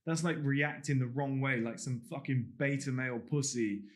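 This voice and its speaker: A man's voice: mid-range voice, moderate pace. Blunt man teaching a course. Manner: blunt, swears freely, acts out little scenes. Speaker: body language coach. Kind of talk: casual spoken course lesson.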